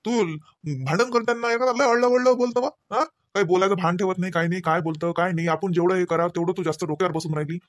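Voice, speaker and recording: Guy doing a cranky cartoon husband, rapid-fire lecturing, dry studio. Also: high voice, no room sound, lightly acted. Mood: scolding. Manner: nagging, lecturing, rapid scolding. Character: scolding husband Ravi, grown man, short-tempered. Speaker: voice actor. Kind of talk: cartoon voice acting.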